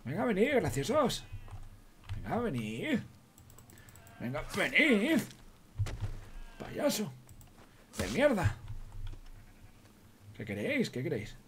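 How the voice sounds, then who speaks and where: This man, a roleplay streamer with a Spain Spanish accent, jokes and swears heavily while commenting in character on a game, muttering to himself and cooing at animals. His voice sits high, with huge pitch swings, slow pacing and long pauses. Slight background noise is audible.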